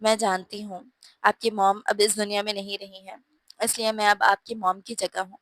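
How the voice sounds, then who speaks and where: A woman voicing a caring middle-aged mother figure in a storybook who speaks in a gentle, coaxing way. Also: medium pitch, level tone, normal speed, dry recording, natural voice. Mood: concerned.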